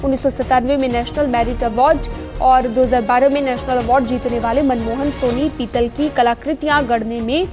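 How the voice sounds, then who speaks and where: A young woman anchoring a TV news bulletin in a studio, reading briskly and formally. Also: high-pitched, fairly even intonation. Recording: broadcast bed music underneath.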